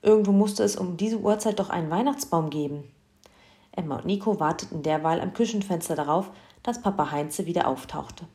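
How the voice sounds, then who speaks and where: A woman reading a children's Christmas story aloud in a lively, expressive way. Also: lowish voice, a little fast.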